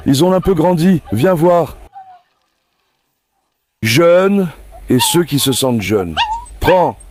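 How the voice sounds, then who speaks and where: Farm vlogger, male, high-pitched, coaxing and affectionate with his animals, faint outdoor noise. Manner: coaxing, affectionate calls to the dogs. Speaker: dog breeder feeding his dogs. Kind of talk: casual vlog narration while feeding dogs. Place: outdoor farm with dog kennels.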